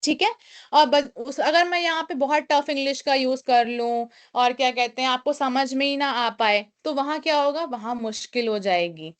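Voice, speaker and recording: Woman teacher explaining step by step. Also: high voice. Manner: explains step by step, reads English lines slowly then restates them; frequent filler "kya kehte hain". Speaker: online class teacher. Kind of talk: live online lesson.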